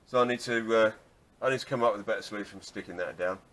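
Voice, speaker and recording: A man's voice: on the low side, very fast, fairly bright tone. A man restoring an old car, talking casually through his work with lots of restarts and wry asides. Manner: rambling, self-deprecating, restarts often. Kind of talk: casual workshop how-to vlog.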